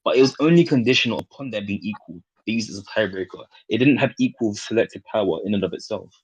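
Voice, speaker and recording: A man's voice: fairly low pitch, fast talker, slightly rough, rough recording. A man in a casual debate, methodically explaining his point through step-by-step analogies.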